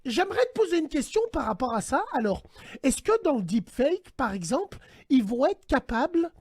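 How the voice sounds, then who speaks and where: A man hosting a casual call-in stream, animated and slangy, swinging between hushed dread and loud outbursts. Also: very high voice, normal speed, slightly rough. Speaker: host. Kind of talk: casual livestream radio chat.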